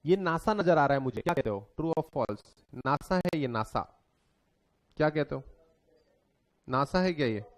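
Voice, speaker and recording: A young Indian man giving a relaxed classroom lecture that mixes Hindi and English, asking his students questions and answering them himself. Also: a little high, unhurried, long pauses. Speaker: exam lecturer.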